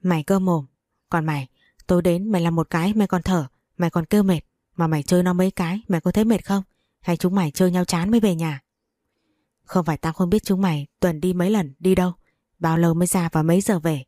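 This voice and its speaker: A woman's voice: on the low side, fast talker, warm tone, no room sound, clean studio sound, lightly acted. A woman voicing a furious, betrayed wife who curses and scolds harshly.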